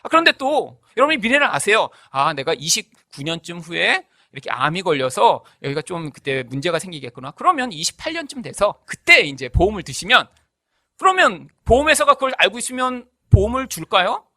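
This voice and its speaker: A man's voice: high-pitched, big pitch swings, fairly quick, sharp tone, no echo. A man preaching a sermon as pastor. He keeps asking the congregation rhetorical questions and acts out the voices in his stories. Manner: tells stories with acted-out voices.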